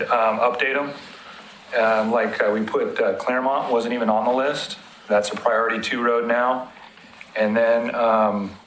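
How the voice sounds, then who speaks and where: A man with a somewhat low voice speaks plainly and practically at a public committee meeting, explaining things with everyday examples. The room is echoey and a faint background hum sits under his voice. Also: fairly bright tone. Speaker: city road maintenance staff presenting.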